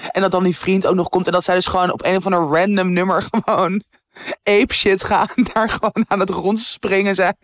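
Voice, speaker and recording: A woman's voice: medium pitch, normal speed, no room sound, clean studio sound. A woman in her thirties co-hosting a podcast, telling stories with slang and frequent laughter. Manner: giggly, slangy, lively storyteller. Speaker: podcast co-host. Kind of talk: casual chat.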